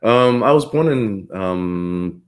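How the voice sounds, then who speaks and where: A man from the Bahamas hosting a casual interview, talking in a relaxed, rambling way and laughing often. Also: on the low side, slow. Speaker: podcast host.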